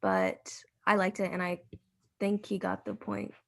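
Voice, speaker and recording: A woman's voice: mid-range voice, very animated, slow, creaky. A woman student hesitantly sharing her view in an online class over a video call. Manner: hesitant, soft. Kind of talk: class discussion.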